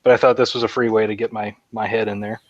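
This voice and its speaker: A man with a lowish, level voice talks fast while co-hosting a podcast, rambling excitedly as a fan and leaning on fillers. The audio is dull with a little hiss or hum.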